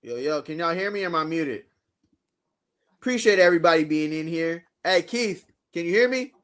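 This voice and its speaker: A man's voice: on the high side, expressive, moderate pace, a bit bright, smooth. A man hosting a live fan show in a casual, laid-back way, using slang and reading chat comments aloud. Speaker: show host.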